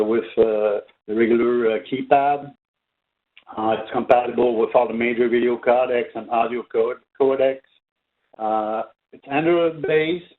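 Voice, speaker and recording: A male product trainer gives an unscripted webinar presentation for a company, his medium-pitched voice hesitant and broken up by very frequent filled pauses. The sound is narrow and tinny, like a phone line.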